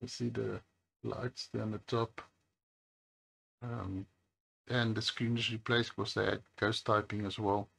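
The host of a phone repair channel sits at a workbench beside a highway, chatting casually to the camera as he works. His voice is low with a creaky, breathy edge, and he speaks slowly and easily, pausing and hesitating often.

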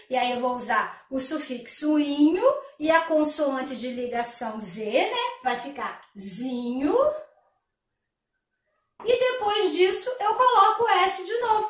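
A woman's voice: high voice, fairly bright tone, distant mic. A woman teaching a grammar lesson, explaining step by step and asking the class rhetorical questions. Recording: echoey room, voice a bit off-mic.

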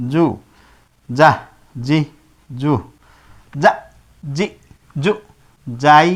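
A man teaching a Quran class, slowly reading out letter and vowel syllables one at a time with pauses between them. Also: on the high side. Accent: Bangladeshi Bengali. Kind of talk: slow syllable drill lesson.

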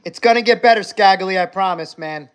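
A young man from Hungary, speaking in a high, brisk voice, hosts a relaxed livestream on a handheld phone at arm's length. He's in a house being renovated, chatting with viewers, reading their comments out, and often addressing them as "guys."

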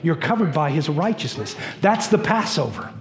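Animated middle-aged male pastor preaching. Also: fairly high pitch, normal speed. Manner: animated preaching, pacing the stage with wide gestures. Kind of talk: sermon. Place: church stage in a large dim hall.

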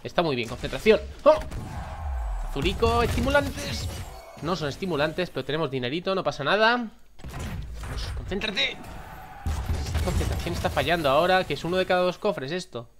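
A man with a Spain accent giving playful, casual commentary as he opens game loot chests, coaxing the viewer to concentrate and bursting out excitedly. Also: high-pitched, normal speed, pauses often, music in the background. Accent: Spanish from Spain. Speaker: gaming content creator.

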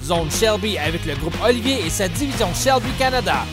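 A man's voice: high voice, animated, fairly quick, over music. A man reading a punchy promotional announcement for an auto show. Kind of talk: radio-style event advertisement.

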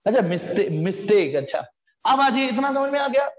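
A man's voice: very high-pitched, big pitch swings, brisk. A man teaching a live online physics class in speech, chatty, calling students "beta" and throwing in slangy asides. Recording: echoey room with long reverb.

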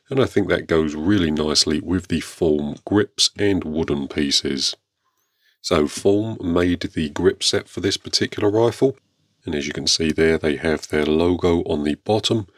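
Very deep-voiced man, dry sound. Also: no echo. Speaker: YouTube airgun channel host. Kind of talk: scripted-sounding product showcase narration to viewers.

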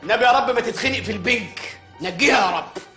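An actor playing a bumbling, short-tempered village mayor in a comedy sketch, with an Egyptian accent, ranting and pleading loudly. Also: male voice, sits high, very fast, soft background music. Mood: exasperated. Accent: Egyptian Arabic. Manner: loud comic ranting and pleading.

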